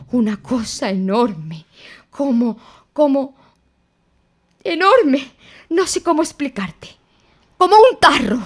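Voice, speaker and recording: A woman voicing a tiny timid male piglet with shrill, stammering, panicky cries in a storybook reading.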